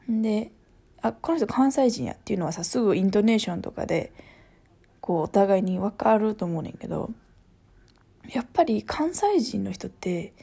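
A woman with a Kansai accent chatting casually as a vlogger, rambling and often dropping to a soft half-whisper. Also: mid-range voice, gravelly, slightly rough. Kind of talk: casual chat.

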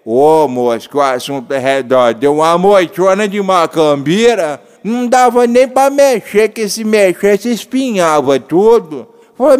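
High-voiced rural minas cowboy yarn-spinner , a guy putting him on, drawly and swingy. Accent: rural Minas Gerais Portuguese. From northern Minas Gerais, Brazil. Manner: folksy drawling, lively pitch swings. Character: boastful old backcountry cowboy. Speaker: storyteller. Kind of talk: comic rural tall tale.

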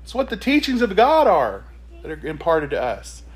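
High, lively-voiced male preacher. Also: moderate pace. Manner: emphatic, rhetorical questions to the congregation. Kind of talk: sermon.

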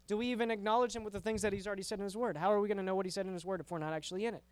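A man's voice: high-pitched, fairly even intonation, racing, clean tone, no room sound. A man preaching to a youth group in a casual, conversational way, often repeating words and checking in with "right?". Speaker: youth pastor.

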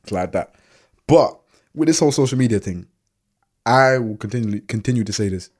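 Low-voiced, fast-talking man, emphatic podcast co-host. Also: lively intonation, darkish tone. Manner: emphatic, makes points with examples. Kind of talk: casual chat.

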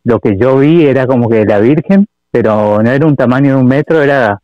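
A man from Argentina with an Argentine Spanish accent, calling in to tell a personal story in a halting way, full of fillers and repeats. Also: mid-range voice, dry recording, lo-fi sound. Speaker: caller. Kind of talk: telling a personal story on a call-in show.

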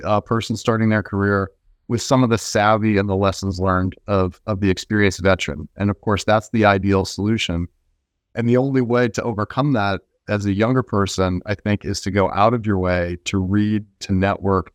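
Low-pitched man answering interview questions. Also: dry recording, studio quality. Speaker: interview guest, venture investor.

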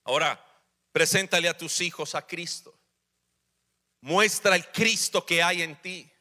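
A man's voice: fairly high pitch, unhurried, pushed and bright. A man in his forties preaching a sermon in a church, acting out little family dialogues with humor. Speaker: pastor. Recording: church hall reverb.

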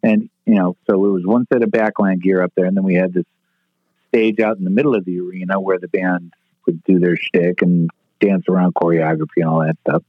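A man's voice: deep voice, fairly even intonation, brisk, dry recording. A man in his sixties, a retired stage manager, telling stories in a brash, profane way. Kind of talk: casual storytelling interview. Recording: tinny phone-like line, dry.

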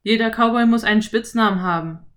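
A woman voicing a lanky, friendly male cowboy in an audiobook, speaking loudly with an easy, self-assured drawl. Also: fairly high pitch, fairly quick, voice pushed up, natural voice. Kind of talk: audiobook character voice.

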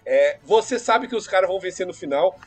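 A man's voice: high-pitched, animated, fairly quick, faint music behind. A man on a podcast who gives his opinions earnestly and with emphasis in a casual chat.

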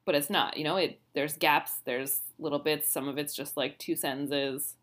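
A woman's voice: low voice, fairly even intonation, moderate pace, fairly bright tone. A woman co-hosting a book podcast in casual chat, laughing often and trailing off mid-sentence. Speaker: podcast co-host; writer.

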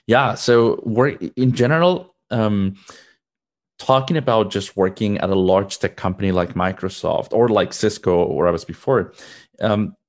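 Low-voiced upbeat man from Mexico. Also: measured pace, darkish tone. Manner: earnest, upbeat, with frequent fillers and restarts. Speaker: guest, product manager. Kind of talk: conversational interview answers.

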